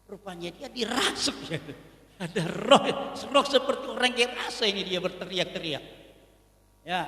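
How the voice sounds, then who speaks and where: A man preaching a sermon as pastor, swinging from loud to soft. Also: very high-pitched, vocal fry. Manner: animated preaching with shifts between loud and soft. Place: church hall. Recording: echoey hall, mic at a distance.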